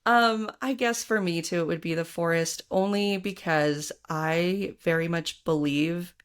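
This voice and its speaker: A woman's voice: on the low side, measured pace, clear, resonant tone. A woman co-hosting a podcast, asking questions in a bubbly, giggly way. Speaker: podcast co-host. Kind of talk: casual interview chat.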